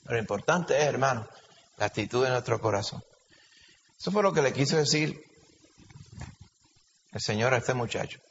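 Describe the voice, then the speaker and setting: Puerto Rican preacher in a big reverberant hall. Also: male voice, mid-range voice, expressive, normal speed, long pauses. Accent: Puerto Rican Spanish. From Puerto Rico. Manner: conversational, asks the congregation questions. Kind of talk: sermon. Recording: dull lo-fi recording with long reverb and faint hiss.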